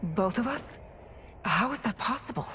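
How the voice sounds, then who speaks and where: A woman's voice: mid-range voice, animated, normal speed, slight background noise. Kitana, a regal warrior queen. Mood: puzzled. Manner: soft, earnest, often hushed. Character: regal female warrior queen, proud but weary. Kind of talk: video game cutscene acting. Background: dramatic game score.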